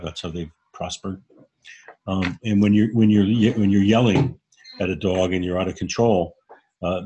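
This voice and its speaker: A man co-hosting a podcast speaks in a deep, husky voice. His tone is candid and earnest, and he lays out his views plainly in relaxed conversation. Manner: candid and earnest, explains ideas frankly. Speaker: podcast co-host. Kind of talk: casual conversation.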